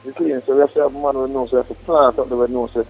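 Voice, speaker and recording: Man, Jamaican accent, raspy mid-range voice, casual patois slang, three-way phone call, thin phone line, faint music. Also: medium pitch, steady tone, rapid-fire.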